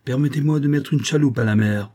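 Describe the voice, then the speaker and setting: A man's voice: medium pitch, a little fast, darkish tone, husky, pitched above the performer's own voice, natural voice. A man voicing an impetuous young naval lieutenant in a raised, urgent voice for a storybook reading.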